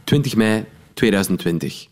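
A man's voice: on the low side, lively intonation, moderate pace. A man with a Flemish accent reading his own column aloud with wry irony. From Belgium. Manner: wry, ironic storytelling.

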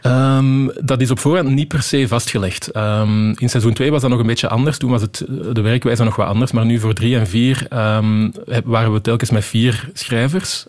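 In a casual radio interview, a thirty-something Flemish TV screenwriter fumbles through his answers, thinking aloud and saying "ehm" a lot. His mid-range voice has a darkish tone, fairly even intonation and normal speed.

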